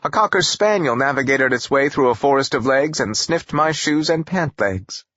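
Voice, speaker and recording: A man narrating a first-person audiobook in a wry, expressive storytelling manner. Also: medium pitch, normal speed, dry recording, dull audio.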